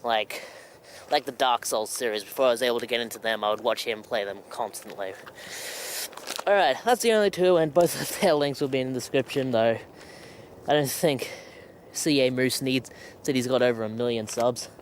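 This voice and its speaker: A man's voice: mid-range voice, normal speed. Young aussie guy rambling to his camera outside, breathing heavy while walking, bit of background noise. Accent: Australian. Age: young adult. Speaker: vlogger. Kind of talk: casual chat to camera. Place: outdoors at night, walking in a suburban riverside area. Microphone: handheld camera at arm's length. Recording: noisy outdoor handheld camera audio.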